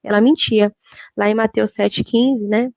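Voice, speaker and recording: A woman, a church worker giving a religious testimony in a halting, repetitive way. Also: medium pitch, steady tone, creaky, a little mellow, no echo. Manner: halting, repetitive, frequent filler tags.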